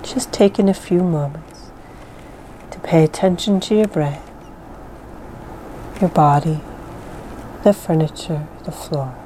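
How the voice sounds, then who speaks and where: Soft calm lady doing guided meditation, really slow and mellow, bit of background noise. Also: deep voice, poor audio. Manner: soft, calm, soothing delivery with breathy phrase endings. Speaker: mindfulness exercise guide. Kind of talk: guided meditation, soothing instruction.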